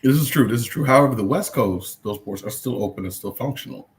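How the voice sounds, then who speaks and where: A man co-hosts a podcast, running through the news in a laid-back, casual chat full of jokes and fillers. He talks fast at a medium pitch, and there's a little hiss or hum on the recording.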